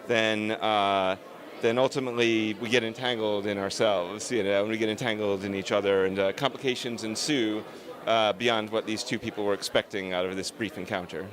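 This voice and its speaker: A man's voice: on the low side, fairly even intonation, moderate pace, crowd noise. A man, a film director, answering interview questions on a red carpet in an earnest, emphatic, discursive way.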